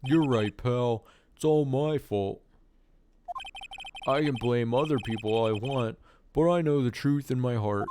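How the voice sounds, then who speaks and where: A man voicing a bumbling, soft-hearted police detective with a blunt, blustering, matey manner in a video game read-aloud. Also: mid-range voice, a little slow, noisy background, lightly acted. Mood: dejected. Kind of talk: hobby video game voice-over.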